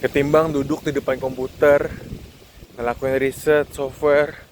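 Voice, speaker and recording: This vlogger, a man in his twenties with an Indonesian accent, talks in a mid-range, flat voice during a candid, reflective monologue as he walks outdoors. His casual speech is broken by frequent pauses and sprinkled with English phrases, while wind and ambient noise come through.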